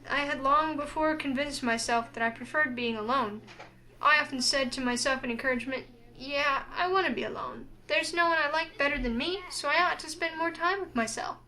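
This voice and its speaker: In a rough recording, a woman gives an earnest, expressive reading of a curious, introspective young heroine's thoughts and lines from a visual novel. Her voice sits high and moves briskly, carrying a wistful mood.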